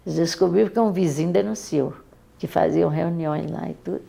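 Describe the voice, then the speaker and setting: An older woman with a Brazilian accent gives oral history testimony. Her voice is heavily gravelly and dark, a little low for a woman. She talks haltingly and often repeats and restarts her words. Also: a little hiss or hum. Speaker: interviewee, mother recalling her daughter.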